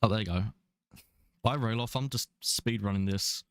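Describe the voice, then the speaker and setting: A young man in his twenties with a London accent chats casually, rambling and chuckling as he streams a game. He's from England, and his lowish, smooth voice moves at a normal speed. The studio sound is clean, with no room sound.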